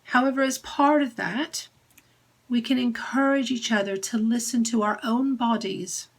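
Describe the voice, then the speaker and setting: Slow-speaking English woman minister. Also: fairly high pitch, poor audio. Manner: slow, gentle and deliberate. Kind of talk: recorded sermon message.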